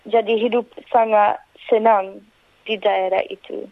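A young Australian woman gives interview answers as a foreigner speaking Indonesian, with a native English speaker's accent. Her delivery is careful and very even in pitch. She comes over a dry, tinny telephone line. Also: unhurried, no room sound. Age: young adult. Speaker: interviewee, local council candidate. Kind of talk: radio interview answers, somewhat prepared. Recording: tinny narrow phone line.

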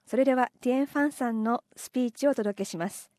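Mellow-voiced woman host in a dry studio. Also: fairly high pitch, fast talker, no echo. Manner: smooth, friendly presenter delivery. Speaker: radio program host. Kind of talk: presenting and interviewing.

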